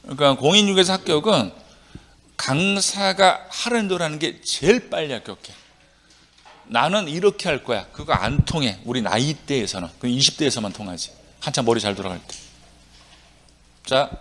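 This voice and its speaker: Animated middle-aged man lecturing a class. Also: on the high side, moderate pace, pauses often, a little hiss or hum. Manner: drills students, repeating phrases for recitation; animated, jumps between loud and quiet. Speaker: tax law lecturer. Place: lecture hall with a live class.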